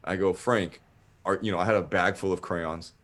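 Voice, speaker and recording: A low-pitched man at a moderate pace rambles through an extended story in a relaxed way. He swears a lot and animatedly acts out the things people told him.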